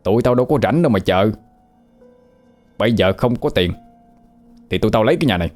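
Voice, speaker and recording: A man's voice: lowish voice, lively intonation, quick pace, darkish tone, faint music behind, lightly acted. A man playing a cruel, mocking swindler in a spoken ghost story. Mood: threatening. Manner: sneering, threatening. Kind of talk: audio drama storytelling.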